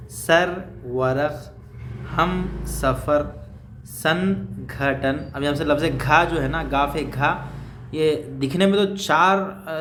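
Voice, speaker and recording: हैदराबादी लहजे वाला उर्दू शिक्षक, गूंजते कमरे में. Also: male voice, a little high, reverberant. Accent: Hyderabadi. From Hyderabad, India. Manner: patient, explains with many fillers and pauses, drawn-out example words. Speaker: Urdu teacher. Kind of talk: explaining lesson.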